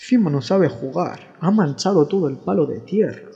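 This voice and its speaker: A man's voice: a little high, lively intonation, moderate pace, vocal fry. A man doing a rambling, exasperated comic monologue, stammering and restarting his sentences. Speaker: comedian. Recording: dull sound in a long-reverb room with soft guitar.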